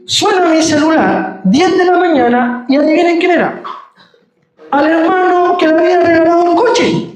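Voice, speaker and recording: A man's voice: very high-pitched, moderate pace. A man giving a sermon testimony, telling a story and calling the listeners brother. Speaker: preacher. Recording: roomy echo.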